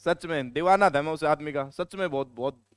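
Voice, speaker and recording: A man's voice: fairly high pitch, a little fast, clean tone, dry recording, studio quality. A male teacher with a Hindi accent giving a classroom grammar lecture. He tells stories in a chatty way and scolds his students.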